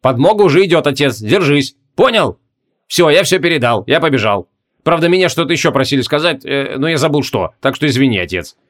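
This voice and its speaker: A carefree, dim-witted young barbarian hero chatters away, repeating himself in a high, bouncy voice, as a man reading an audiobook puts him on. His pitch sits well above the reader's own and swings freely from line to line. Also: big pitch swings, brisk, fairly bright tone. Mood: cheerful rambling.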